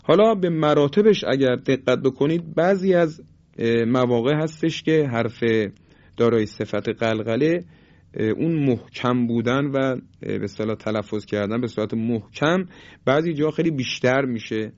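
A man teaching Quran recitation in Persian, explaining each rule, then drawing out the example words slowly and firmly. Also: mid-range voice, a little mellow. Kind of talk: tajwid lesson with slow demonstrations. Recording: dull lo-fi sound.

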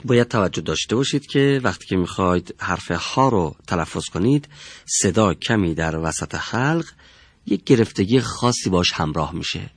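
A middle-aged man teaching a pronunciation lesson in a studio, speaking slowly, formally and deliberately. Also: sits low, expressive, slightly rough, no room sound.

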